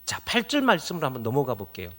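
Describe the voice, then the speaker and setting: A man's voice: medium pitch, wildly swooping pitch, rapid-fire, fairly bright tone, slightly rough. A middle-aged male pastor preaching a Sunday sermon, who asks the congregation rhetorical questions and builds up to emphatic exclamations.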